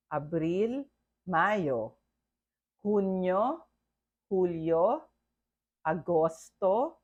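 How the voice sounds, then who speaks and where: A woman leads a language lesson at a very slow, careful pace, checking in with her listeners again and again. Her voice sits slightly low, and the recording sounds a little dull and muffled. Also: a little mellow. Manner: patient, repeats words and checks in with "okay?". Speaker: language teacher.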